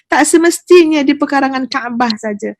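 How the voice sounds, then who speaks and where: A woman's voice: high-pitched, moderate pace, dry recording. A woman religious teacher, telling stories with feeling in a podcast chat. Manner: lively storytelling, lively with emotion.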